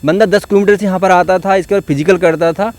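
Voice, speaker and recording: A man's voice: sits high, fairly even intonation, fast talker. A man, a coach giving an earnest, encouraging motivational talk to his students at an outdoor gathering. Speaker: coach at a police exam academy.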